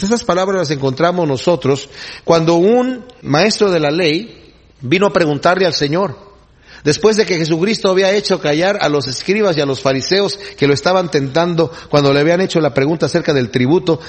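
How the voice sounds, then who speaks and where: Guy preaching, pretty high voice, kinda husky, teaching through scripture. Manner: explanatory Bible teaching, varied pacing. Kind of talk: sermon.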